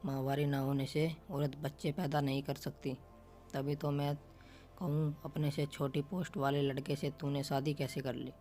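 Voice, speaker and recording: A woman's voice: deep voice, level tone, normal speed, mellow, soft background music, close to an everyday voice. A man voicing a stern, traditional older mother-in-law in a storybook reading, scolding and insistent.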